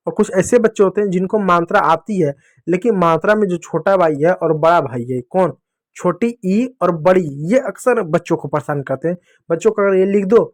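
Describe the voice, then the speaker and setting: A man's voice: high voice, a little mellow. A man teaching a beginners' reading lesson to young children, friendly and playful, explaining with everyday examples and lots of repetition.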